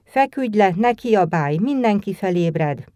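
A woman's voice: medium pitch, animated, mellow, no echo, clean studio sound, natural voice. A woman doing a pleading, tearful little girl. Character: little girl playing a frightened, pleading wife.

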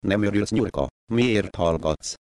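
A man voicing a hungry, hunted young peasant fugitive who speaks hoarsely and wearily, within a story reading. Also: fairly low pitch, a little mellow, close to an everyday voice. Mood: weary. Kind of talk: scripted story narration.

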